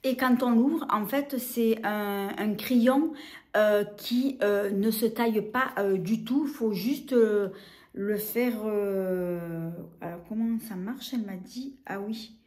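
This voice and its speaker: A woman's voice: mid-range voice, takes it slowly, a little mellow. A woman talking casually through a beauty haul, hesitant with many filler sounds. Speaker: beauty vlogger. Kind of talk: casual product haul talk.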